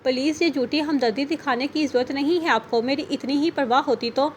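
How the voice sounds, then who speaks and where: A woman's voice: high voice, fairly quick, a little hiss or hum, close to an everyday voice. A woman voicing a frightened young wife in an audio novel, speaking in a tearful, pleading way. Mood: bitter. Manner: pleading, sobbing.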